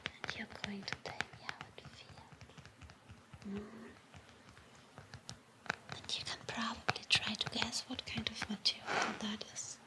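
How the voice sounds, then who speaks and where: Playing an office clerk in a whispered ASMR role-play, a woman with a German accent speaks close on a binaural mic, hesitant yet playful and reassuring. Her medium-pitched delivery is flat and unhurried with frequent pauses, and the audio quality is poor.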